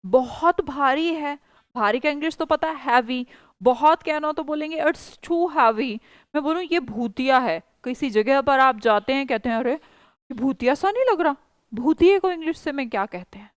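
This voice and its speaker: A woman teaching a spoken English class, explaining patiently and saying example sentences slowly. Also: high voice, lively intonation, no room sound. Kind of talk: online class teaching, mixing Hindi and English.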